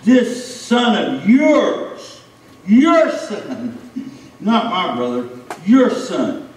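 A preacher acting out an angry jealous older brother. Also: male voice, medium pitch, lively intonation, takes it slowly, heavy reverb, distant mic, a little hiss or hum, pitched below the performer's own voice, low-quality recording. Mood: resentful. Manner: indignant ranting. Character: resentful older brother, adult man, bitter and jealous.

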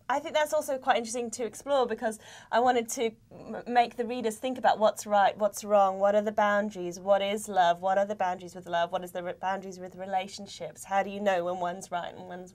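Young woman, author, interview guest, animated, laughs easily, studio. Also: medium pitch. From Wales and Australia. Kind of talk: interview answers. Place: studio with dark backdrop.

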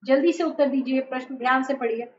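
Woman teacher, high voice, methodical online lecture; dull lo-fi sound. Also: fairly even intonation. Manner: explains step by step, repeatedly urges quick answers. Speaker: exam-prep teacher. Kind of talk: online live-class lecture.

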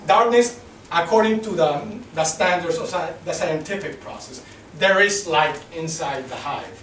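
A man's voice: on the high side, a little slow, fairly bright tone, slight background noise. A man giving a reflective lecture on beekeeping, speaking in a philosophical way with restarts. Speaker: beekeeping instructor. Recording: echoey room from far off.

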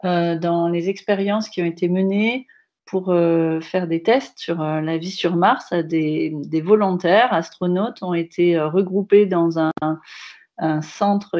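A woman, an art teacher, walks through a class project in a lowish voice, hesitant and full of pauses and filler sounds. The audio is dull and lo-fi, like a web call. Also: a little mellow. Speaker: visual arts teacher. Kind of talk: workshop presentation of a class project.

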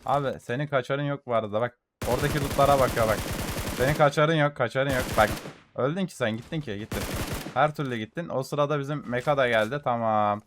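A young man giving gameplay commentary for a mobile shooter, excitedly taunting enemies and muttering to his audience, with gunfire behind him. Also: medium pitch, fast, noisy background. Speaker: gaming YouTuber.

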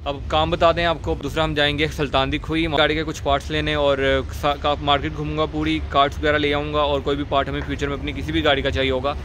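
A young man with a Pakistani Urdu accent chats casually to his viewers, his voice sitting a little high for a man. He films himself on a phone held at arm's length, in the car or at roadside stops. Road and engine noise hum clearly behind him. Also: level tone, fast, hardly any pauses, a bit bright. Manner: chatty, talking to viewers while driving. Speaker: vlogger. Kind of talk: casual travel vlog narration. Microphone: phone or camera held at arm's length.

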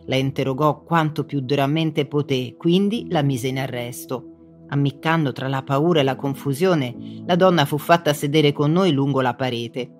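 Audiobook reader, calm measured first-person story voice, soft music under it. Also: mid-range voice. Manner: measured, dramatic reading. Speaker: audiobook narrator. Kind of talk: scripted first-person narration.

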